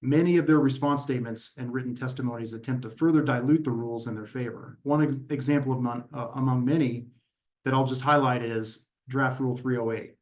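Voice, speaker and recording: Speaking for an advocacy group at a regulatory hearing held as a virtual meeting, a man gives prepared testimony in a measured, methodical, formal way. His voice is mid-range with a steady tone.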